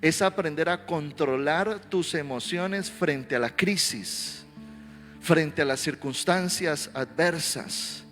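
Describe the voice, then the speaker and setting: A male pastor preaching a sermon, telling stories animatedly and swelling into loud exhortation. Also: high voice. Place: church sanctuary. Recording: reverberant hall with faint music.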